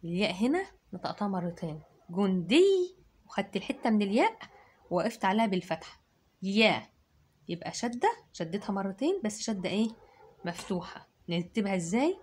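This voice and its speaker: A woman's voice: medium pitch, big pitch swings, fast talker, a little mellow, husky. A woman teacher with an Egyptian accent, giving a spelling and dictation lesson to children, sounding out letters and syllables one by one. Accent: Egyptian Arabic.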